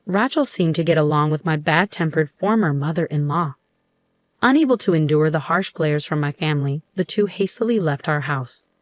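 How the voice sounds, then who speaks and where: A woman narrating a scripted first-person story in an even, steady way. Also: low-pitched, no echo.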